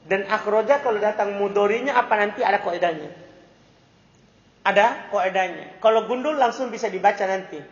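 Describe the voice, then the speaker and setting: A man's voice: high-pitched, normal speed. A man teaching Arabic grammar in a classroom, constantly quizzing his students with repeated questions. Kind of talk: classroom lesson. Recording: echoey hall, dull lo-fi sound.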